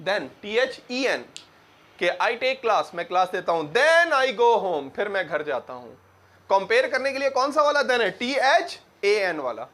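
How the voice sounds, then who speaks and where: A young man teaching grammar to a class, asking questions and answering them himself, and repeating words slowly to drill them. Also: high-pitched, sing-song, a bit bright. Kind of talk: classroom lecture.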